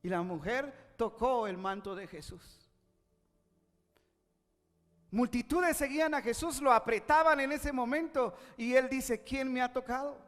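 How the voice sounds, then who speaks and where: A man's voice: very high voice, unhurried, long pauses, a bit bright, long reverb tail. A man preaching a sermon, retelling scripture stories with acted quotes, rising and dropping in intensity.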